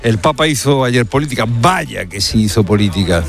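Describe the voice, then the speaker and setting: A man's voice: mid-range voice, expressive, moderate pace, gravelly, soft background music. A man giving live news commentary. He talks emphatically, asks rhetorical questions and often hesitates with fillers. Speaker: radio commentator.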